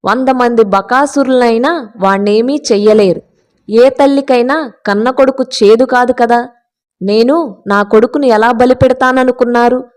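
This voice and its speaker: Kind calm queen mom, comforting and steady, storybook voice, woman reading. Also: on the high side, moderate pace, natural voice. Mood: reassuring. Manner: soothing, reassuring. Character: calm, kind royal mother of five sons.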